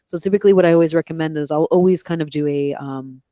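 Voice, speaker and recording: Speaking as a guest expert in a live webinar, a woman with a radio-friendly voice answers questions and walks through her methods step by step. Her voice sits low and warm, her pace is quick, and her practical explanations include self-corrections. The recording is muffled, with no room sound.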